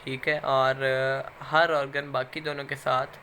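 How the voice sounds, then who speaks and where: A man's voice: mid-range voice, level tone, bright, forceful tone, slight background noise. A man with a Pakistani accent giving a recorded lecture, explaining step by step and checking in with "okay" again and again. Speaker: instructor.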